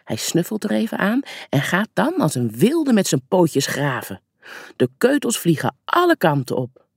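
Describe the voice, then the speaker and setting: A narrator reading a children's story aloud, with expressive storytelling. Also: medium pitch, moderate pace, creaky, breathy edge, no room sound, clean studio sound.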